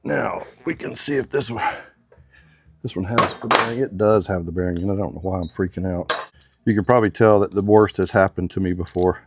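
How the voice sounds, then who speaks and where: Low-voiced man talking shop over tools. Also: brisk, heavy background noise. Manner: casual, drawling shop talk with slang. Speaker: motorcycle mechanic. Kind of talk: hands-on workshop demonstration. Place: workshop.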